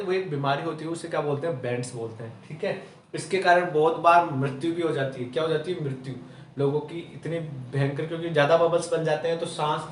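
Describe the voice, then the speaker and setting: A chemistry teacher from Rajasthan, India, with a fairly high voice lectures his class, posing rhetorical questions and answering them himself while closing nearly every point with "theek hai." The mic sits at a distance in a roomy, echoey space, with a little hiss or hum.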